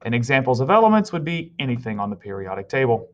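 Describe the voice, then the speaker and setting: A man's voice: mid-range voice, big pitch swings, fast. A male teacher giving a recorded virtual science lesson, explaining step by step and telling students what to write down. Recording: slightly dull lo-fi audio.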